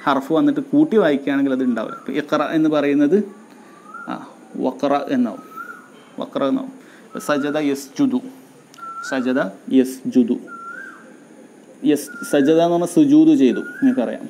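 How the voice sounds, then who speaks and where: Dark-voiced man teaching a grammar lesson. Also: fairly high pitch, slight background noise. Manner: explains step by step, repeats key words slowly.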